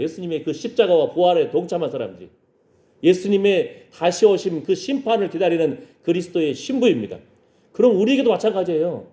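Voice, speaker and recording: A man's voice: high-pitched, warm tone. A man preaching a sermon as pastor, emphatic and conversational, with frequent rhetorical asides to his congregation.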